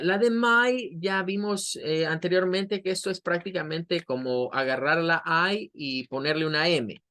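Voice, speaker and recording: A man whose first language is Spanish, teaching an English pronunciation lesson and slowly repeating model words for his students. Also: fairly high pitch, fairly bright tone.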